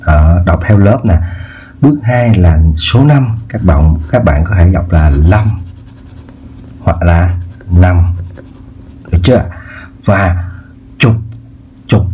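A man's voice: sits low, warm tone. A man teaching a math lesson in a casual way, often repeating words and checking in with his viewers. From southern Vietnam. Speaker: math tutor. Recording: faint background noise.

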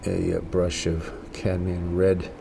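An older man giving a casual watercolor tutorial as a gentle, encouraging, unhurried painting instructor. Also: low-pitched, monotone, creaky, a little hiss or hum.

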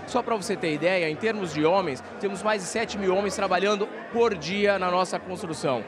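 A man's voice: sits high, fairly quick. A Brazilian man in his forties gives promotional interview answers as a company representative into a handheld microphone. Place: indoor reception event at a hangar. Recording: busy event crowd chatter behind.

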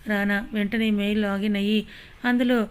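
A woman reading a romance story aloud as storyteller, giving every character the same steady voice. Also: mid-range voice, brisk, clear, resonant tone.

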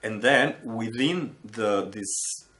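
Man, 40s, from Albania, Albanian native, low bright voice, halting, thoughtful, restarts, home study. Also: slight background noise. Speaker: artist. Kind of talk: reflective interview monologue. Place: home studio with bookshelves, indoors.

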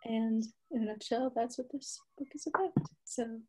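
A woman author describing her book gently and with many hesitations, on a video call. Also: fairly high pitch, steady tone, moderate pace, a little hiss or hum.

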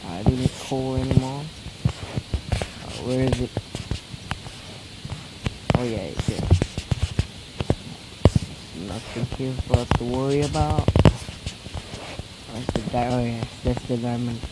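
A fourteen-year-old boy gives casual let's-play commentary on a mobile game, rambling with many restarts, his voice weak from a recent illness. The male voice is mid-range and unhurried, with long pauses and heavy background noise.

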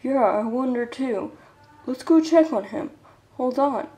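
A woman's voice: on the high side, animated, measured pace, dark tone, soft background music, low-quality recording. A woman voicing an earnest toy action-figure friend with plain delivery in an amateur puppet skit. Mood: curious.

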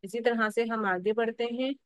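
A woman's voice: fairly high pitch, fairly even intonation, moderate pace, no echo, low-quality recording. Female phonics teacher, Pakistani Urdu accent, explanatory, stretches syllables, dry close sound. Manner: explanatory, checks in with "theek hai" often. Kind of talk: teacher-training lesson.

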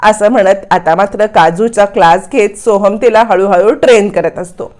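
Brief: woman storyteller, brisk casual serial recap. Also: mid-range voice, darkish tone. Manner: brisk, strings scenes with "then he says".

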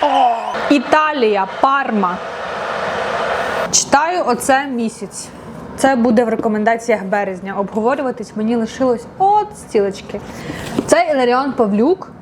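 A young woman from Ukraine talks playfully straight to her handheld camera in a casual vlog. Her voice sits a little high. A faint hiss of background noise stays under her talk. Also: animated, normal speed. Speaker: vlogger. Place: outdoors in a park, then at home.

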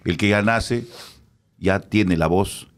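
A middle-aged male radio announcer with a lowish voice speaks slowly in a casual conversation. He tells stories in an animated, expressive way.

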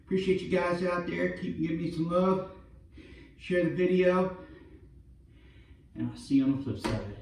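Mellow man vlogging in a very echoey room. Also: high voice, normal speed, long pauses. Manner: informal, peppers talk with "look" and "all right". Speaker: vlogger and veterans' awareness campaigner. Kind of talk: casual talk to camera. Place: empty carpeted room indoors. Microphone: far camera. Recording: roomy echo, distant camera mic.

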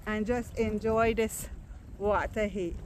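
With a medium-pitched, steady voice, a woman takes her time as she vlogs her travels, chatting eagerly and casually with frequent exclamations. She holds the camera in her own hand outdoors by the beach and rocks, where water laps amid outdoor noise.

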